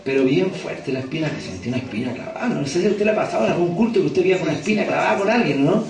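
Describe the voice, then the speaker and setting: A man preaching to his congregation in a high-pitched voice, picked up from a distance in a reverberant church hall. He keeps it conversational, tossing rhetorical questions at the listeners as he goes. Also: expressive, very fast, vocal fry, a crowd in the background. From Chile. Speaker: pastor. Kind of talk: sermon. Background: congregation responding.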